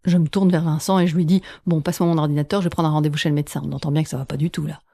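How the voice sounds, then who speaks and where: A middle-aged woman from France narrating family stories for her grandchildren in a lively, animated way. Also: low voice, very fast, vocal fry, dry recording, studio quality. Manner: lively, animated retelling with quoted voices. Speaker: podcast host. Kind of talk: storytelling podcast narration.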